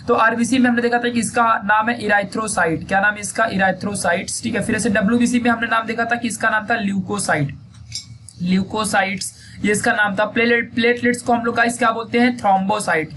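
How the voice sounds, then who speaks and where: Fast-talking male biology teacher, high voice. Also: steady tone, sharp tone. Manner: quizzes students and answers himself, repeats key terms; keeps saying "theek hai" and "guys". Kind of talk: fast-paced classroom lecture. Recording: faint background noise.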